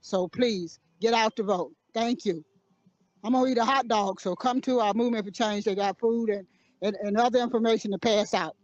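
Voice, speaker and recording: A woman's voice: fairly high pitch, normal speed, darkish tone, no room sound. Earnest woman in her eighties, from Florida. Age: 80s. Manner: earnest, repeats herself. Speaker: community elder. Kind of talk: street interview statement. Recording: dull lo-fi sound.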